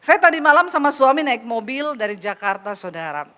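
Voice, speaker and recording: A middle-aged woman pastor preaching a lively, chatty sermon, teasing the congregation with asides. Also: sits high, a little fast.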